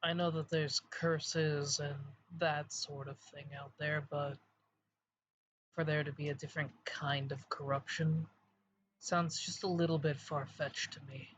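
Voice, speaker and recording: A man improvising in character during a tabletop role-playing game, measured and matter-of-fact. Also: on the high side, flat delivery, fairly bright tone, lo-fi sound, slight background noise.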